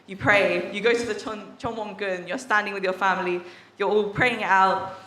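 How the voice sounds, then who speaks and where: A young woman from England shares a casual testimony at a church service, talking in a chatty, laughing way with plenty of fillers. Her voice sits at a middle pitch for a woman. The sound is roomy, with the hall echoing around her. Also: steady tone, normal speed, bright, forceful tone. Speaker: workshop participant sharing testimony.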